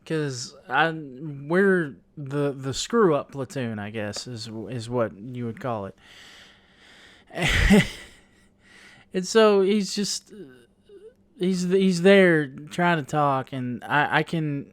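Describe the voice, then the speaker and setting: Slow, halting man with a lightish voice, amused storyteller on his vlog. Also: fairly high pitch, lively intonation, dry recording. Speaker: YouTuber.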